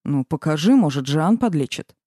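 A woman's voice: deep voice, expressive, moderate pace, dark tone, no room sound, clean studio sound. A woman voicing a teasing, nosy male mage in an audiobook, prying and mocking.

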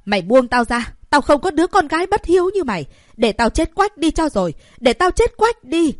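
Woman voicing a shrill, greedy, bossy mother. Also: big pitch swings, moderate pace, no echo, clean studio sound. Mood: wailing. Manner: scolding, wailing melodramatically. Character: shrill greedy domineering middle-aged mother. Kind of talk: audiobook character voice.

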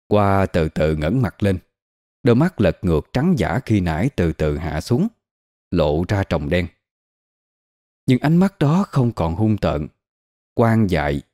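A man giving scripted horror narration in a dramatic, expressive way. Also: sits low.

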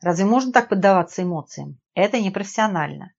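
A woman voicing a calm, ironic middle-aged male spy chief who speaks in an unruffled, dryly persuasive way, in an audiobook. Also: mid-range voice, quick pace, creaky, husky. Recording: dull lo-fi audiobook recording.

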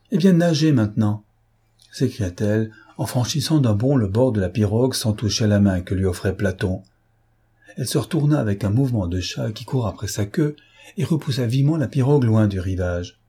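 A man reading a classic novel aloud in steady, measured audiobook narration. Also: on the low side, slightly rough. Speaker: audiobook reader. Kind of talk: scripted narration.

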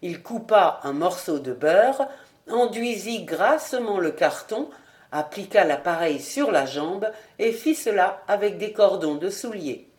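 A woman narrating a literary audiobook in a measured, clear reading voice. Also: medium pitch, animated, darkish tone. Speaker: audiobook reader.

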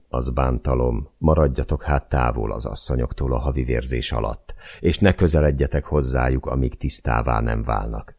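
A man narrates an audiobook in the first person, close and measured. His voice sits extremely low, with a gravelly, husky grain. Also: a little mellow.

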